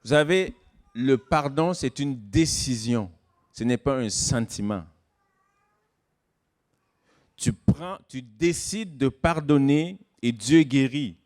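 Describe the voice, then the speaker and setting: A man giving a sermon as guest pastor, swinging between loud, slow emphasis and soft, low asides. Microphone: online church service recording.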